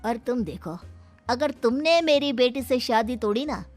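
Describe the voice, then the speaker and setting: A gloating, scheming middle-aged father from a cartoon moral story, acted by a woman. The voice is fairly high and full of taunting threat, stretching words for emphasis, over faint music. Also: expressive, a little slow, darkish tone. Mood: taunting, threatening. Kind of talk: animated moral story dialogue.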